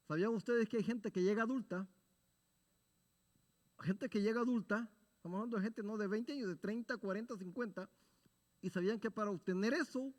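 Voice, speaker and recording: A man leads a Bible study in the manner of a sermon, earnest and exhorting, putting rhetorical questions to his listeners and answering them himself. His voice sits fairly high for a man. The sound rings on in the long reverb of a church sanctuary.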